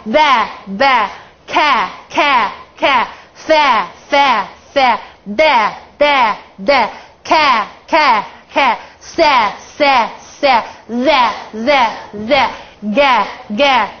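A woman teacher with a high voice runs a phonics lesson, drilling her class through counted chants and teasing questions. She speaks at an unhurried pace. The classroom recording sounds dull and lo-fi. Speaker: English teacher.

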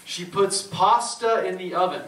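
A man on a cinema stage reading a script's stage directions aloud to a live audience, amused and brisk. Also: high voice, distant mic, heavy background noise. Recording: echoey hall, picked up from afar.

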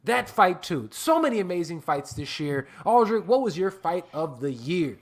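A man hosting a casual fight podcast roundtable, cursing freely, getting excited and laughing often. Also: high voice, normal speed. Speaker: podcast host. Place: home podcast setup.

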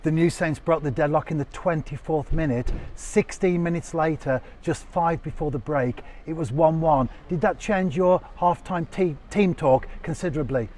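Man, club interviewer, formal scripted questions, fairly high voice. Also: moderate pace, hardly any pauses, darkish tone, a little hiss or hum. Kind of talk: post-match interview questions.

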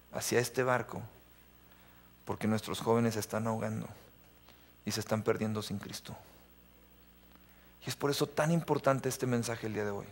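A man preaching a live sermon to young people in a church, emphatic, repeating refrains and asking the audience questions. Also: mid-range voice. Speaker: youth preacher. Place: church sanctuary. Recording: long reverb of a church hall.

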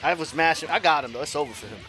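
A man giving live commentary on his own fighting game match, excitable, swearing and trash-talking. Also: on the high side, racing, soft background music. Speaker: gaming streamer.

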